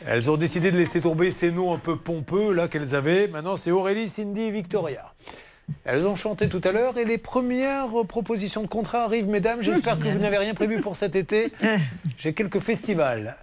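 A man's voice: high-pitched, fairly quick, a little mellow. A man hosting a consumer-help radio show, teasing callers in a playful way.

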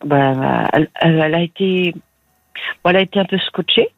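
A woman's voice: lowish voice, a little fast, creaky, no echo. A woman calling in to a radio advice show, talking anxiously with stammering repetitions. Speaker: caller. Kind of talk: phone-in call. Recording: tinny phone line.

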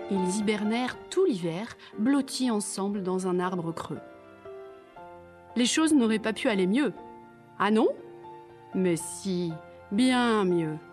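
A woman's voice: fairly high pitch, a little mellow. A woman reading a children's story aloud with playful, wry asides.

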